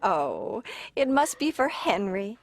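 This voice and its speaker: A woman's voice: mid-range voice, sing-song, takes it slowly, gravelly, over music, heavily acted. An actress voicing a kind, motherly female butterfly who runs a diner, with a sing-song, caring manner. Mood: sweet. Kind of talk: cartoon voice acting.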